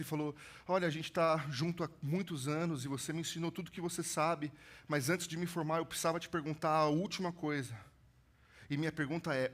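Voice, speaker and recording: A man in his thirties, a pastor from São Paulo with a São Paulo accent, preaching a sermon with animated storytelling that swings from loud build-ups to hushed lines. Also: on the high side. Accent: São Paulo Brazilian Portuguese. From São Paulo, Brazil. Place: church stage.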